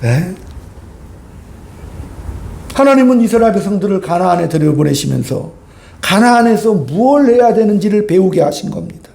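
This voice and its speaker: High-voiced pastor preaching in an echoey church. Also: male voice, animated, normal speed, vocal fry, pauses often, dark tone. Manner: conversational preaching, keeps prompting the congregation for agreement. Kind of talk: sermon. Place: church sanctuary.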